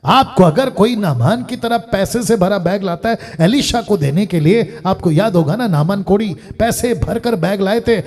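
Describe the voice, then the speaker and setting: High-voiced man preaching emphatically. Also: moderate pace, hardly any pauses. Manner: emphatic preaching with wide swings in loudness, dropping to near-murmurs; mixes English phrases into his preaching. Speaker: pastor. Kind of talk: sermon.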